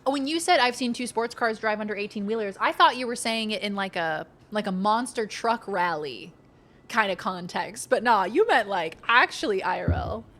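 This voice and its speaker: A woman livestreaming a video game, chatting casually with playful, expressive, giggly commentary. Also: mid-range voice, moderate pace.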